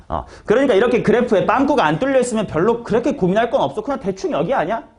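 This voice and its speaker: A male math teacher giving a classroom lecture. His voice sits high and swings widely in pitch as he explains. He talks in a casual, slangy way and keeps putting questions to students by name. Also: darkish tone.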